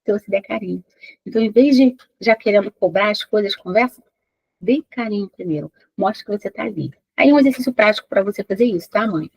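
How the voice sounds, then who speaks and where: A woman's voice: mid-range voice, a little fast, vocal fry, darkish tone, husky, no echo, muffled recording. A woman with a Brazilian Portuguese accent who gives parenting advice and talks straight to mothers, explaining things and asking them questions. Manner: explanatory, addresses the mother directly with rhetorical questions. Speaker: parenting educator. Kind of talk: direct-to-camera advice talk.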